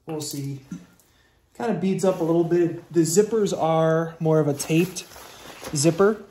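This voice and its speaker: Casual man reviewing gear, fairly high voice. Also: a little slow, slight background noise. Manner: relaxed, many ums, shows items while talking. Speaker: volunteer ski patroller. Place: snowy outdoor deck, then indoor garage.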